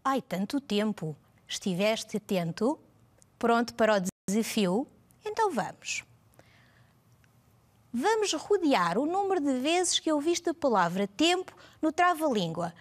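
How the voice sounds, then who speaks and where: A woman teacher with a European Portuguese accent, talking high and bright with big swoops up and down. She speaks slowly and deliberately, stretching out syllables for small children in a lively, sing-song way. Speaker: primary school teacher. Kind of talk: televised lesson for young children.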